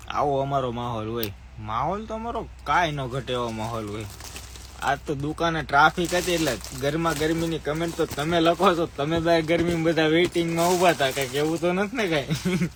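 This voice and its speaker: A man's voice: fairly high pitch, brisk, a bit bright, slight background noise. A man who runs a shop and hosts a live sale from the air-conditioned shop floor. He sounds sleepy and chats with viewers, breaking off to give his staff orders. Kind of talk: live-stream sales talk.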